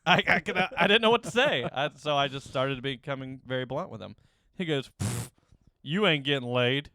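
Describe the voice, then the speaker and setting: A man co-hosting a casual podcast, telling stories in an animated, profane way and imitating other people's voices. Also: mid-range voice, brisk, dry recording. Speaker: podcast co-host.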